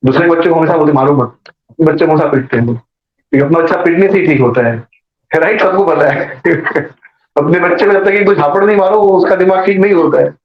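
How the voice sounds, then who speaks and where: A man's voice: fairly high pitch, fairly quick. A man giving a sermon as a storyteller, acting out the voices in his story and adding joking asides. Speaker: preacher. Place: temple hall. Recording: echoey dull temple hall recording.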